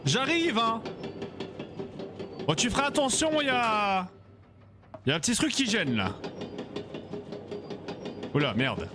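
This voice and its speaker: Guy streaming a game, jokey and sweary, high lively voice, loud game music behind. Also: unhurried, pauses often. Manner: joking, swears often, banters with game characters. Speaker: gaming streamer. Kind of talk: casual let's-play commentary.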